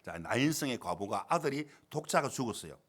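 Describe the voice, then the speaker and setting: A man's voice: mid-range voice, big pitch swings, brisk, a bit bright. A male pastor delivering a sermon, emphatic, with rhetorical questions and retold stories. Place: church sanctuary.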